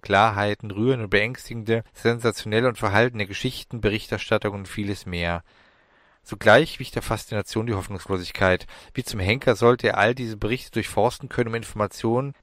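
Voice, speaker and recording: A man narrates a fantasy story in a measured, dramatic reading. His voice sits on the low side, recorded close on a studio mic with a dry, deadened sound. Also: fairly bright tone, no echo. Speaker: audiobook narrator.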